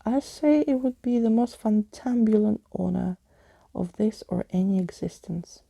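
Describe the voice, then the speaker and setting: A woman's voice: mid-range voice, a little slow, creaky, mellow, dry recording, voice pushed up. A woman voicing a flamboyant, old-fashioned male skeleton adventurer from a storybook, speaking in florid exclamations. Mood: excited, grand.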